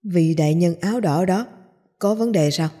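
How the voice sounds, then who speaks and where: Bewildered young man read by a woman, hesitant questions, low husky voice. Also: moderate pace, mellow, lightly acted. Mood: puzzled.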